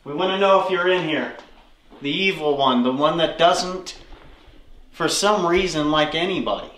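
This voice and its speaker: Hushed young man calling out to spirits. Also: animated, moderate pace, a little hiss or hum. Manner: addresses spirits in a low, hushed tone. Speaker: paranormal investigator. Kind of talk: ghost-hunting vlog. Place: inside an old, reputedly haunted building. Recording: echoey indoor room.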